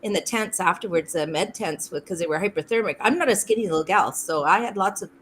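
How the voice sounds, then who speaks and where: A woman from Saskatchewan telling a long personal story as a podcast guest, animated, often laughing and acting out quotes. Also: fairly low pitch, fast talker, a little hiss or hum, poor audio. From Saskatchewan, Canada. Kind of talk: storytelling in a conversation.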